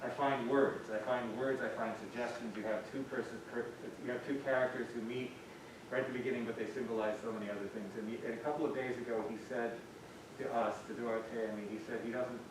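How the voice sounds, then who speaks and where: A man's voice: mid-range voice, steady tone, a little fast. A man who moderates a reading and relays the poet's words, often stammering and repeating himself. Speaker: moderator and interpreter. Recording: echoey hall from far off, background hum.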